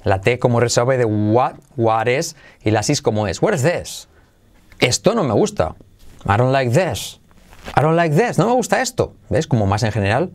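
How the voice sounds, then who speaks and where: A man's voice: mid-range voice, a little mellow. Man teaching English in Spanish. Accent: Spain Spanish. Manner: slow, careful model phrases, asks "¿vale?" often. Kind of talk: bilingual English lesson for Spanish speakers.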